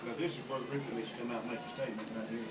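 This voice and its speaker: A man's voice: mid-range voice, fairly even intonation, very fast. A man chatting casually as a football colour commentator, with folksy, colloquial phrasing. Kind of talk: casual booth chat. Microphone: off-mic, picked up from a distance. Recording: distant from mic, echoey, loud background noise.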